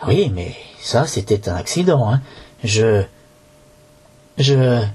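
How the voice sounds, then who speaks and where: A man's voice: mid-range voice, very animated, slow pace, a little mellow, husky. A man reading a storybook aloud in French, narrating with occasional slips and restarts.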